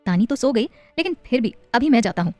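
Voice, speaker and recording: Audio story role: a gentle, doting young dad, read by a woman narrator, higher voice, dry and close. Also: lively intonation, quick pace, no room sound, faint music behind, close to an everyday voice. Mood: soft. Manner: gentle, coaxing, affectionate. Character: doting young husband and father, playful.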